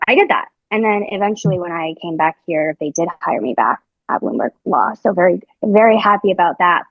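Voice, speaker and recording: With a fairly low voice, a young adult reporter answers a podcast host's questions in a loose, talkative way, often restarting and using fillers. There is no room sound, and the audio is dull.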